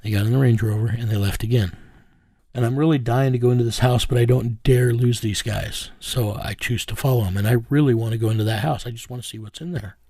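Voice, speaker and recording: A man's voice: mid-range voice, steady tone, fast, mellow, no echo. A middle-aged man from the United States, an interview guest telling a matter-of-fact first-person story about his vigilante work. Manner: plain, matter-of-fact telling with reenacted dialogue.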